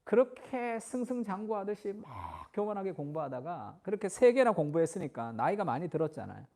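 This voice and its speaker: A man preaching a sermon as pastor, telling stories and acting out the quoted lines with shifting loudness. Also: high voice, wildly swooping pitch, brisk.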